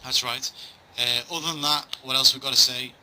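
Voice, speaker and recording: A man's voice: mid-range voice, steady tone, moderate pace, bright, forceful tone, slight background noise, poor audio. A man hosting a casual chat, joking and bantering as he puts questions to a guest. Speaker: podcast host asking a boxing pundit questions.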